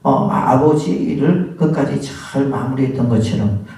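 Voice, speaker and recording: A man's voice: mid-range voice, moderate pace, warm tone. A male pastor preaching a sermon, putting rhetorical questions to the congregation and sometimes acting out the voices of people in his examples. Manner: acts out scolding voices in the examples. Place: church sanctuary. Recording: very echoey church hall, mic at a distance.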